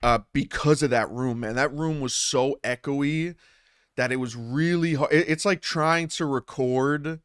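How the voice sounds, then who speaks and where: Speaking at a measured pace, this man has a medium-pitched voice that's fairly bright, clear, and resonant, with no echo. He's a streamer rambling loosely about battle rap, restarting often and dropping "man" and "bro," recorded at home on a studio dynamic mic via an audio interface.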